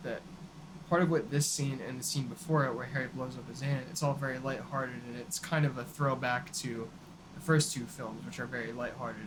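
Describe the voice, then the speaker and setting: A man, a guest in a casual music chat, explaining points in a relaxed way that often trails off softly. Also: medium pitch, a little fast. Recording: audible background hiss.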